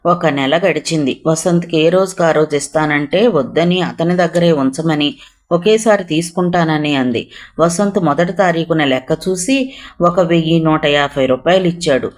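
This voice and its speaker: A narrator reading a novel aloud in a steady, even manner, voicing every character. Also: mid-range voice, normal speed.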